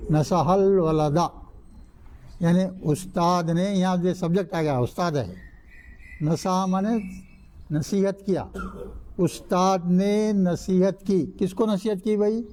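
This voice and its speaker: A man's voice: high-pitched, mellow. An older man teaching an Arabic grammar class in a mosque, asking the class questions and answering them himself while repeating the key rules. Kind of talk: classroom lecture.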